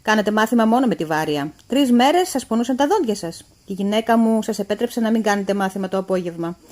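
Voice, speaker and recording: Lady doing a bossy stingy boss man, loud and preachy, voice jumping all over. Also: medium pitch, expressive, lightly acted. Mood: lecturing. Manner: loud, pointed, lecturing. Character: stingy, mocking male employer, middle-aged.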